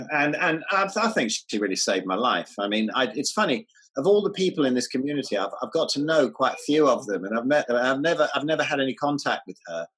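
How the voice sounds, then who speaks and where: A man's voice: medium pitch, lively intonation, fairly quick, a bit bright, husky, poor audio. A man talking as an interview guest, enthusiastic, stumbling over false starts and repeated words. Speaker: guest, health writer. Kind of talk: casual interview chat.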